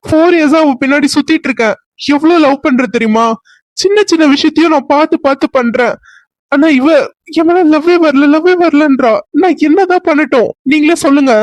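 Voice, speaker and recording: Cartoon voice, a possessive young guy, high-pitched, pushy, dry recording. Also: fairly quick, dry recording. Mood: pleading. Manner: pushy, threatening, then pleading. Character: possessive young man, jealous and threatening. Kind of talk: cartoon serial voice acting.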